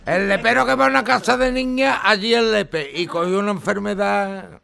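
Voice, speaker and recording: A man's voice: high-pitched, moderate pace, vocal fry, a crowd in the background. A man telling a joke, laughing through the punchlines and shifting his voice for the characters.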